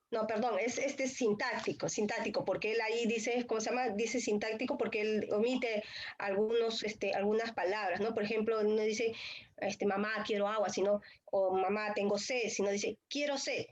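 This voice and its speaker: A woman's voice: medium pitch, fairly even intonation, moderate pace, a little hiss or hum. A female student acting out a speech therapy consultation, hesitant with many fillers, over a video call. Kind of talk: clinical role-play practice.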